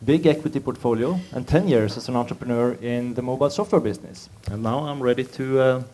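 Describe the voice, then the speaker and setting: A man speaking in front of an audience, introducing himself as an executive in a plain, halting way. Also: medium pitch, warm tone. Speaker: chief executive, panelist. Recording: live room with faint noise.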